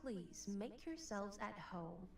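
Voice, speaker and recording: A young woman playing a courteous, mysterious elderly shopkeeper in a video game, with a put-on old, faint, creaky voice. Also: mid-range voice, sing-song, slow, full character voice. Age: young adult. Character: elderly female curiosity shop keeper, courteous and mysterious. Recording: roomy, distant game audio over music.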